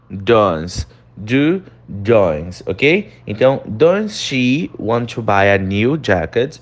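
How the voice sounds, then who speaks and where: A man with a Brazilian Portuguese accent teaching English grammar in a recorded online lesson, explaining step by step, often checking with "né?" and reading English example sentences slowly and clearly. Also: on the low side.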